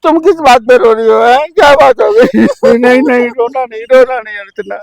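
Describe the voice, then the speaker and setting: A man's voice: very high-pitched, normal speed, gravelly. An actor playing a middle-aged, forgiving husband who soothes his wife in a village short drama. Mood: soothing. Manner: soothing, coaxing. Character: forgiving gentle husband, older father. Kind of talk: village short-film acting.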